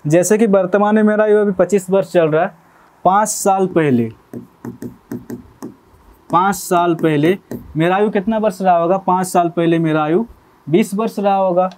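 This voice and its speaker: High-pitched, mellow-voiced male maths tutor. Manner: explanatory, repeats "theek hai" to check understanding. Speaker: math teacher. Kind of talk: step-by-step maths lesson.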